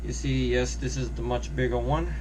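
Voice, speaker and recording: A man's voice: mid-range voice, fairly even intonation, moderate pace. Under-the-weather man with background noise. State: under the weather, coughing now and then. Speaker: hobby drone pilot presenting his build. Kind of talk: casual product overview.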